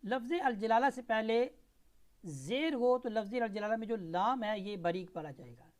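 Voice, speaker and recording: A man teaching Tajweed, spelling out and reciting verses slowly syllable by syllable, then explaining the rules in brisk asides. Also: high voice. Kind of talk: Tajweed lesson with slow recitation.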